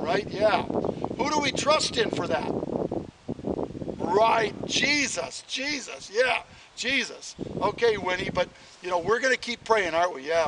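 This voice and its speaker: Brief: man with a high voice, heartfelt monologue to a toy companion, filmed from several feet away in heavy wind. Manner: talks to a stuffed toy as if it answers, with repeated affirmations. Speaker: vlogger addressing a toy companion. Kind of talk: earnest outdoor monologue. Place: outdoors in a wooded park by a sign. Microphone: camera several feet away. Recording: distant camera mic with loud wind noise.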